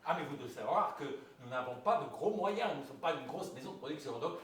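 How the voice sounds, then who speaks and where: A man's voice: fairly high pitch, lively intonation, brisk, fairly bright tone, pitched below the performer's own voice. A man playing a bumbler who poses as a Belgian film producer on the phone, with a put-on Belgian accent, overly polite and hammy. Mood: triumphant. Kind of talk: amateur stage comedy. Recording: echoey stage from far off, audience noise.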